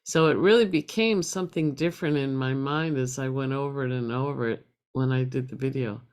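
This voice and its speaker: A woman's voice: extremely low pitch, brisk, darkish tone, smooth. A woman reflecting on her art project on a video call, rambling and thoughtful. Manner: reflective, rambling, restarts often. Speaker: artist presenting a project.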